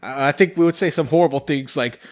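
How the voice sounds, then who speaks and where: A man's voice: a little high, quick pace. A young man telling casual stories about his military training, rambling with lots of fillers and laughing often. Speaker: podcast guest, military veteran. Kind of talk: casual storytelling chat.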